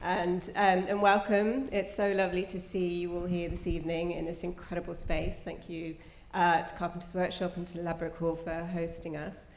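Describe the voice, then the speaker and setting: A woman's voice: on the low side, level tone, normal speed. A woman moderating a live panel on a theatre stage, gracious and chatty, with many ums and restarts. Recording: roomy theatre sound.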